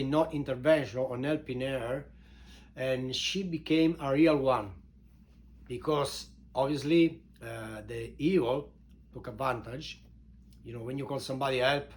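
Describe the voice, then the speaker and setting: A man from Italy with an Italian accent, informally introducing his book in halting non-native English, repeating words for emphasis. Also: medium pitch, a little mellow. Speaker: author and show host introducing his book.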